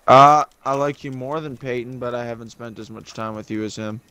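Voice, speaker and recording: A man's voice: medium pitch, steady tone, a little fast, bright, forceful tone, clean tone. A man recording himself gaming with a friend, laid-back and teasing in casual banter.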